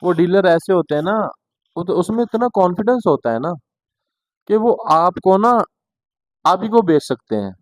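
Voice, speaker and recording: A man's voice: sits high, animated, normal speed, long pauses, dry recording. A man doing stand-up, telling a chatty comic story and acting out both sides of conversations.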